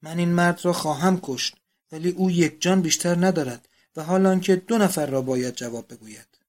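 A man's voice: high voice, lightly acted. A man reading the part of an anguished, doting elderly father who breaks into vehement, pleading outbursts. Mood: grimly vowing. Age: older.

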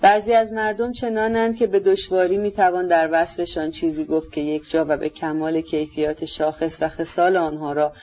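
An audiobook narrator giving a steady, measured literary reading of a novel. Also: mid-range voice. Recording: slightly dull lo-fi recording.

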